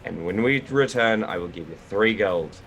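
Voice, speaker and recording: A man with a fairly low voice plays at the table in a relaxed, casual way. He chats with the group and talks through his rolls. Light music sits underneath. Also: normal speed. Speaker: player. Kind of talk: playing a tabletop game.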